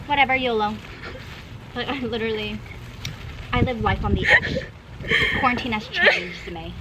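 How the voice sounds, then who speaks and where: A woman's voice: a little high, lively intonation, moderate pace, over a noisy crowd, low-quality recording. A young woman filming a casual family vlog at home, chatty and bubbly, full of "like" and "literally". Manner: bubbly, exclaims often, says "like" and "literally". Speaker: vlogger. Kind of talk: casual chat. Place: home, kitchen and bathroom.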